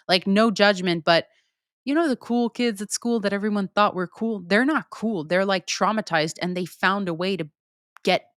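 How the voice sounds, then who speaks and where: Young woman doing a casual solo podcast q&a, smooth voice, dry close sound, unfiltered and a bit sweary. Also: on the low side, fairly bright tone, dry recording. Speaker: podcast host answering listener questions. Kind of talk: casual conversational monologue.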